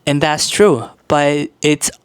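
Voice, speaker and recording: A man from Brazil giving an earnest, reflective vlog monologue, slowing down on key phrases. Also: a little high, fairly even intonation, clean tone, no room sound. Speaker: vlogger.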